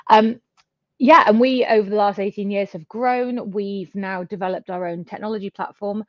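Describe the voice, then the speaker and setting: A middle-aged British woman, a native English speaker, talks in a chatty, explanatory way as an interview guest; she is a company founder and CEO. Her voice sits at medium pitch with a steady tone and normal speed. The audio is dull and slightly lo-fi, with no room sound.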